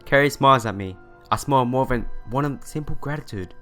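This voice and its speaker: Over game music in the background, a young man plays a visual novel for an audience, reading the text aloud and adding earnest, informal commentary as a let's player. He speaks briskly, with a medium pitch and a fairly bright tone.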